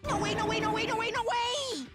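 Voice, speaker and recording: A woman playing an excitable, squeamish teenage girl in an anime game, frantic and excited. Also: extremely high pitch, a little fast. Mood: excited panic. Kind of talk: dubbed anime game acting. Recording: music behind the voice.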